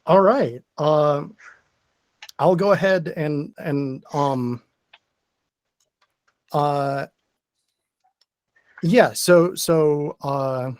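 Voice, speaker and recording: A man acting as game master, explaining the rules step by step in a halting way. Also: fairly high pitch, a little mellow, no echo. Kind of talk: narrating a tabletop game.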